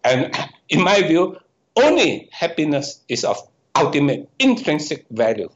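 A slightly high-pitched man speaks as a professor giving an interview. He reasons step by step, stops mid-word and corrects himself. The recording is dull and muffled, like lo-fi audio. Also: sing-song. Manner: halting, self-correcting, explaining step by step. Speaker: economics professor, guest. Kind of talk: answering questions in a podcast interview.

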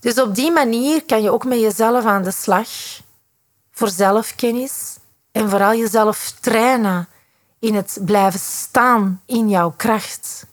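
A woman's voice: fairly high pitch, takes it slowly. A woman with a Flemish accent, a psychotherapist explaining in a podcast monologue, who acts out short quoted reactions as she goes.

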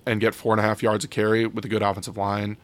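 A man's voice: fairly low pitch, completely flat delivery, fast talker. A man co-hosting a sports podcast, talking casually and loosely with many fillers and restarts. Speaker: podcast co-host.

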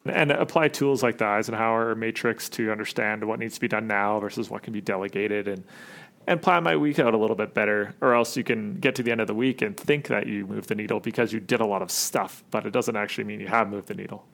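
A podcast guest, a man who heads an agency, talks through his ideas in a casual, reflective way. His voice has a gravelly rasp, and he relies on plenty of "like" and "you know.". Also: lowish voice, quick pace, fairly bright tone. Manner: casual, reflective, many fillers. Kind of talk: interview answers.

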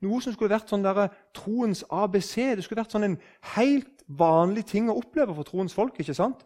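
An older man in his sixties from southern Norway tells a story in a loose, conversational way. His voice sits a little high for a man, and he talks with plenty of life, often breaking off and starting his sentences again. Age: 60s. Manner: animated, restarts sentences, acts out quoted speech. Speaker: speaker on faith.

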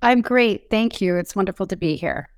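A middle-aged woman from Newfoundland, Canada, herself a podcast host, shares a personal testimony as an interview guest. Her medium-pitched voice is expressive and moderately paced. The recording is dry and clean, with studio sound.

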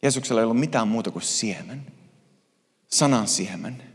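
A man's voice: mid-range voice, animated. Impassioned male preacher in a reverberant hall. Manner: impassioned, swinging from hushed to loud. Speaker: pastor. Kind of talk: sermon.

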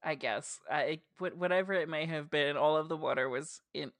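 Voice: medium pitch, normal speed, a bit bright, dry recording. A podcast co-host with a New Jersey accent, chatting casually and retelling scenes with lots of "like" fillers. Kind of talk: casual chat recapping a show.

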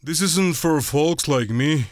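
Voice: mid-range voice, slow, no echo, studio quality, close to an everyday voice. A performer voicing a weary, complaining male rat of royal blood who sighs a lot and tires easily. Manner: sighing, whiny, easily bored.

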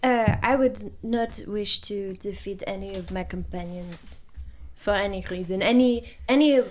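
A woman's voice: medium pitch, unhurried, darkish tone. A woman improvising in character as a player in a tabletop game. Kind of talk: improvised role-play.

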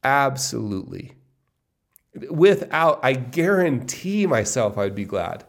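A man in his fifties hosting his own podcast, musing aloud in an excited, casual solo monologue and often repeating himself. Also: medium pitch, slow, vocal fry. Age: 50s. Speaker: podcast host.

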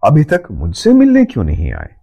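A man's voice: lowish voice, very animated, a little slow, lo-fi sound. A man voicing a sulky, proud young woman in a storybook reading, raising his voice for her. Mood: eager. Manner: eager, slightly petulant.

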